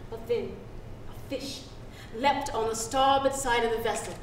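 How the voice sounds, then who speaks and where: On a theatre stage, a middle-aged actress plays a free young woman, solemnly and tenderly recounting her birth at sea in a solo dramatic monologue. Her natural voice runs on the high side, and her storytelling is measured, halting and deliberate. The pickup is roomy and distant, with hissy ambience.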